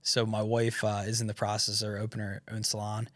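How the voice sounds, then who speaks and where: A man's voice: fairly low pitch, monotone, a little fast, no echo. A man in his thirties chatting casually as a podcast host, laid-back and rambling, with many fillers and restarts. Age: 30s. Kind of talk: casual chat.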